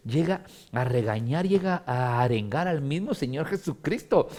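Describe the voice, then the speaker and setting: A man, a pastor leading a Bible study, expressive and given to emphatic repetition. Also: medium pitch, normal speed. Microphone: streamed broadcast.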